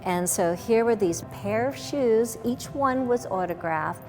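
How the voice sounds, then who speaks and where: A woman's voice: on the high side, lively intonation, a little slow, darkish tone. An older woman tells her stories from a stage. She acts out the quotes and sometimes drops to a whisper. The recording echoes through a big hall with a long reverb, with faint music under her. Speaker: former ballerina telling stories on stage. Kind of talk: stage storytelling show. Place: large arts hall, live audience.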